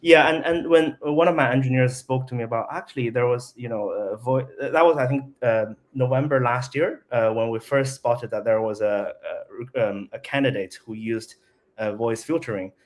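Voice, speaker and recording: A man, a company CEO, speaking as an interview guest in a casual, halting way, restarting his sentences often. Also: medium pitch.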